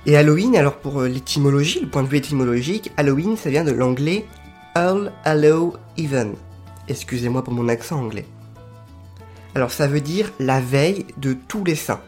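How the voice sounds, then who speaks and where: A man explaining history in a casual, chatty way, full of fillers and quick self-corrections. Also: mid-range voice, lively intonation, darkish tone, faint music behind.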